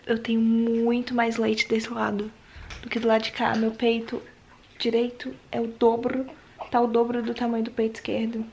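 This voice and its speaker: High-voiced chatty young mother. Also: gravelly, a little hiss or hum. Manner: chatty, talks softly to her baby. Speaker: vlogger and new mother. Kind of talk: casual home vlog chat. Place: home kitchen.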